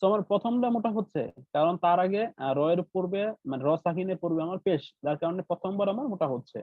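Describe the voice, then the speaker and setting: Bangladeshi guy teaching tajweed online, patient, keeps asking right?, kinda highish voice, thin phone-call sound. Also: fast talker, no room sound. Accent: Bangladeshi Bengali. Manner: patient, explains step by step, often checks with "right?". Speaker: Quran recitation teacher. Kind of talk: online class explanation. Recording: dry tinny call audio.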